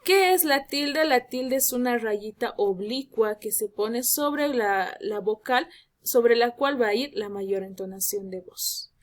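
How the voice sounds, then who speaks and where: A woman teacher giving a lesson, speaking slowly and emphatically and drawing out her example words. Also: a little high. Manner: addresses students as "jóvenes". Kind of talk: classroom lesson.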